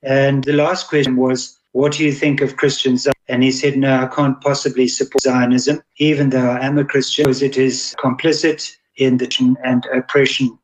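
Man flatly recounting a story. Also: mid-range voice, normal speed, few pauses, rough recording. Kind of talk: recounting an anecdote.

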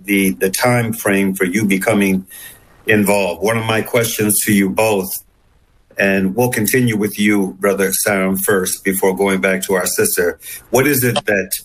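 A man hosting an interview, speaking haltingly with many fillers and restarts. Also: on the low side, steady tone, a little hiss or hum, low-quality recording. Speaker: host.

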